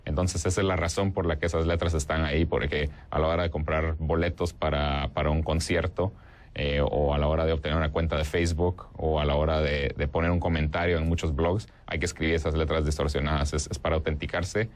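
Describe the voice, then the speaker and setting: A man's voice: extremely low pitch, level tone, fairly quick. A young man from Guatemala, answering interview questions in a hesitant way, with many fillers and restarts. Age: young adult. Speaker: interview guest.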